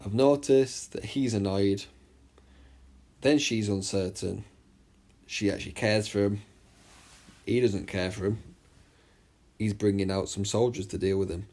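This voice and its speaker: A man teaching an exam revision lesson in a chatty way, often checking understanding and reading the extract aloud slowly. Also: on the low side, steady tone, darkish tone. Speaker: English literature teacher.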